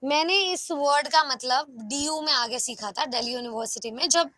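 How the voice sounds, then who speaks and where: Bright high-voiced woman teaching a lively class. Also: normal speed, no echo. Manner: lively, coaxing, asks students rhetorical questions. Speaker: online exam-prep teacher. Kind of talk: live online class, Hindi mixed with English.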